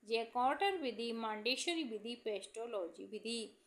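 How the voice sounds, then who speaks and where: A young woman teacher reading out exam questions and answering each one, slowing down to list examples. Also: on the high side, a bit bright. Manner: reads each question, then answers it slowly, listing examples.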